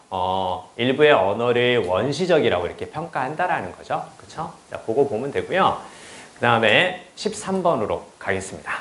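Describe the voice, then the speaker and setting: A man whose voice is fairly high and a bit bright gives a casual English lecture in an echoey room. His manner is chatty, blunt and full of swearing, and he often checks in by asking students "right?".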